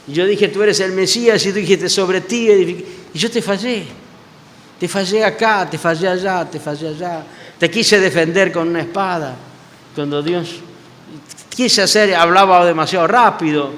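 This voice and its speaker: A remorseful male apostle begs and reproaches himself in a high, strained voice, put on by a man. The tone is bright and cutting, with a long church-hall reverb trailing each phrase. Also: normal speed. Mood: pleading. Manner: pleading, breathless self-reproach in a higher voice. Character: remorseful, pleading male apostle, an adult fisherman.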